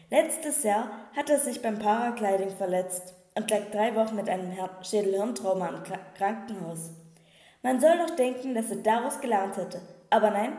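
Lady reading a rushed worried young guy, brusque and distracted, echoey room. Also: medium pitch, dark tone, close to an everyday voice. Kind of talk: audiobook reading. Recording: echoey room with long reverb.

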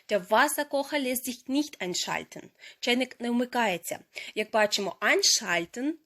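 Woman slowly teaching German vocabulary. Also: fairly high pitch, a bit bright. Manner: slow, careful pronunciation of foreign words; explains grammar step by step. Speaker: language teacher. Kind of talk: teaching a lesson.

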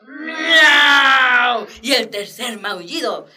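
A woman telling a story to children in an animated way, asking them questions along the way. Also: high voice, measured pace, very noisy. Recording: voice picked up from a distance.

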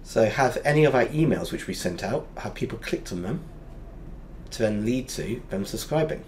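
A man teaching a lesson over a whiteboard drawing, explaining step by step and pausing often with fillers. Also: mid-range voice, animated, darkish tone, slight background noise.

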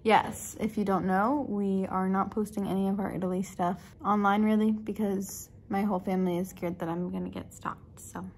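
A woman's voice: mid-range voice, flat delivery, moderate pace, few pauses, darkish tone, husky. Chatty young woman vlogging. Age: young adult. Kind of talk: casual travel vlog chat.

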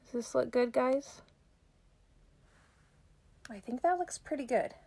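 A woman's voice: high-pitched, slow, mellow. A middle-aged woman doing a casual live makeup tutorial, chatting with her viewers as she works. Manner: chatty, talks to viewers while working. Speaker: makeup vlogger.

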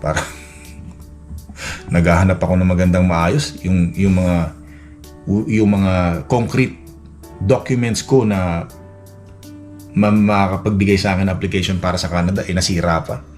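Man, casual storytelling vlog with faint music behind. Low voice, rambling with many restarts. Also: flat delivery, a little slow, pauses often, darkish tone. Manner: rambling, many restarts and fillers, acts out quoted dialogue. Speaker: vlogger. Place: Edmonton, Canada.

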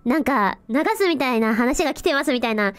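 A woman's voice: sits high, brisk. A woman streamer chatting casually, telling an embarrassed story with giggles, calling herself the captain. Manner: animated, giggly, self-deprecating storytelling; refers to herself in third person as captain. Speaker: virtual streamer. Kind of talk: casual livestream chat.

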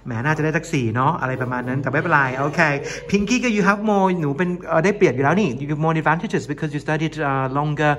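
A man's voice: a little high, moderate pace, few pauses, a little hiss or hum. A man teaching English with a Thai accent, encouraging his students and switching between English and Thai in a casual classroom manner.

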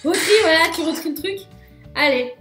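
Giggly french woman chatting to viewers, high lively voice with stifled laughs, echoey room. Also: normal speed. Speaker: vlog host, mother. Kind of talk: playful casual chat to viewers. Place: small room at home, indoors. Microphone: camera a short distance away. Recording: echoey room with loud music.

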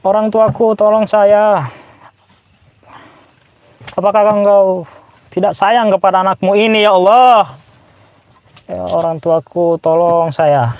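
A man's voice: medium pitch, level tone, moderate pace, pauses often, warm tone, lightly acted. A man voicing a newly dead man in his grave, pleading and wailing for help and forgiveness, recorded from inside a covered grave.

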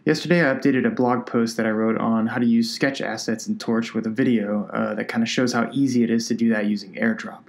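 A man's voice: mid-range voice, a little fast, hardly any pauses. Nasal-voiced man explaining a tutorial. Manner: relaxed, conversational step-by-step explaining. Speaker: product designer. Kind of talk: screencast software tutorial.

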